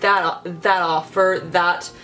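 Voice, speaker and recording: A young adult woman vlogs from her bedroom, chatting casually as she does her makeup in get-ready-with-me fashion, with faint music behind. Her lowish voice sounds bright and forceful yet flat and slow, and she stutters with repeated sounds and blocks.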